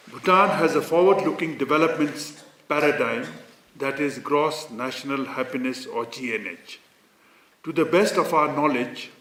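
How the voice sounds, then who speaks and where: A man reads a solemn ceremonial address very slowly and deliberately, in a somewhat raised voice. He stands away from the mic, and the room echoes around him. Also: fairly high pitch, a bit bright. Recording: echoey hall, mic at a distance.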